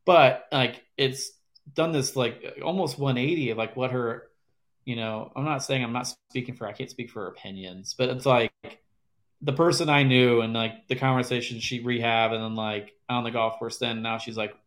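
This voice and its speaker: A former caddie appears as a guest in a casual interview chat, speaking in an ordinary middle-pitched, fairly bright voice. He rambles and halts, circling back and restarting his sentences.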